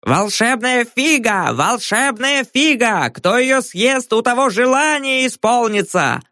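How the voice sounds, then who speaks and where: A man's voice: a little high, expressive, moderate pace, a bit bright, no room sound, clean studio sound. A male audiobook narrator voicing a cheeky, cunning old peasant woman trader. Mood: shrill hawking. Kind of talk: audiobook character voice.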